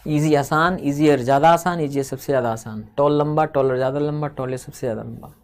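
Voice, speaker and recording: Slow, patient man teaching grammar. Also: mid-range voice, steady tone, slight background noise. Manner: explains step by step, slows and drags out example words. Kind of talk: grammar lesson.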